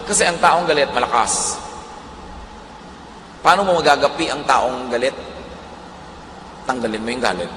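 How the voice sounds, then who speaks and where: A man with a Filipino accent preaching a sermon in a lively way, going from soft lines to loud emphatic ones and acting out quoted speech. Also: mid-range voice, moderate pace, long pauses, slight background noise. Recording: roomy echo with long reverb, faint ambience.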